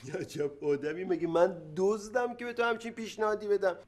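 Actor playing a boastful schemer, excitable, high-ish voice, sitcom. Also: male voice, close to an everyday voice. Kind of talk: TV sitcom acting.

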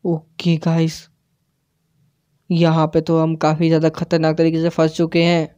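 A man giving live gameplay commentary for his channel, tense and excitable, dropping English words into his play-by-play. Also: on the high side, a little slow, smooth, no room sound, lo-fi sound. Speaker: gaming channel host.

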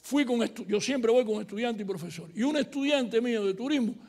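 A man's voice: extremely high pitch, fairly quick. An older man giving a conference lecture, telling anecdotes and acting out the dialogue. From Cuba. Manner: storytelling, animated, acts out dialogue. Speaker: university lecturer giving a keynote.

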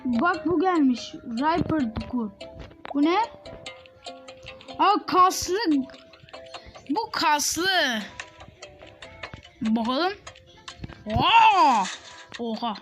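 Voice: high voice, expressive, very slow, long pauses, fairly bright tone, soft background music. A child recording playful game commentary, often shrieking and giggling at the action. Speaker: gaming video maker.

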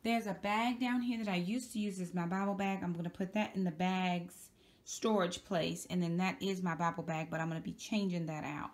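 A middle-aged woman with a lowish, steady voice films a relaxed cleaning vlog about tidying her bedroom at home. Speaking into a phone at arm's length, she keeps things chatty and upbeat, with drawn-out emphasis.

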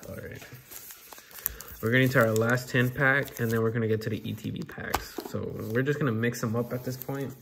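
A man's voice: mid-range voice, fairly even intonation, a little fast, vocal fry. A young adult man chatting casually and bantering with lots of slang and swearing as he hosts a pack opening. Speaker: host of card pack opening video. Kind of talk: casual chat while opening card packs. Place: indoors at a tabletop. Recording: noisy room with card and wrapper crinkling.

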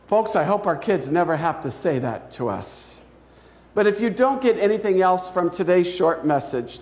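A man preaching a sermon as pastor, telling stories and letting his phrase endings drop soft and slow. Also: high voice. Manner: storytelling, with soft, slowed endings. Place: church sanctuary. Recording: echoey church hall.

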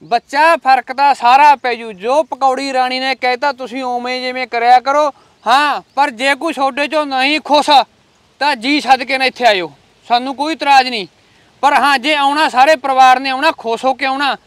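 A man's voice: extremely high pitch, fairly even intonation, normal speed, a bit bright, smooth, no room sound. A man acting a fake holy man who soothes and lectures devotees in a comedy short film. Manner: soothing, preachy.

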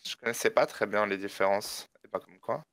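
A man's voice: on the low side, brisk, fairly bright tone. A man chatting casually with a teasing, rambling manner while playing a game. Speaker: game co-player. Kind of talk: casual gameplay chat.

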